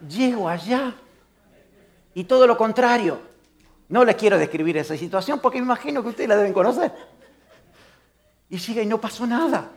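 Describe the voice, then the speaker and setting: A man preaching a sermon, animated, asking the congregation questions and acting out the voices of Bible figures. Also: sits high, moderate pace, pauses often. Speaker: pastor.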